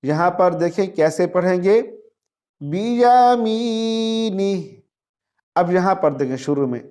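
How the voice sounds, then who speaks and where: A man teaching a Quran reading lesson, reciting single words very slowly and drawn out, then explaining briskly and patiently repeating each word. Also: high-pitched, darkish tone.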